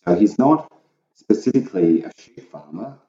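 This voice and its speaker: A man's voice: fairly low pitch, expressive, normal speed, dark tone, distant mic. A middle-aged man, a podcast guest, talking in a plain, matter-of-fact way. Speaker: guest, host's husband. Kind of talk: casual podcast chat. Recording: dull, echoey, off-mic.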